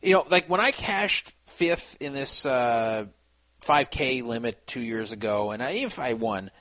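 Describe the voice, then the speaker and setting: A man's voice: medium pitch, expressive, measured pace, fairly bright tone, low-quality recording. A man hosting a casual podcast chat, rambling with many restarts and fillers. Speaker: podcast host.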